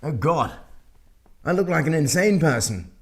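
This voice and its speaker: A man's voice: on the high side, very animated, normal speed, a little hiss or hum. A man co-hosting a casual chat, playful and self-mocking. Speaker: podcast co-host.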